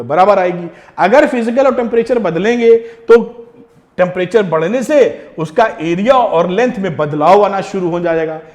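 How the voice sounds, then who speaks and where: A man's voice: high voice, a little mellow. A man teaching a physics lesson for exam preparation, encouraging his students and mixing in English terms as he works on a board. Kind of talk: exam-prep lecture while writing on a board.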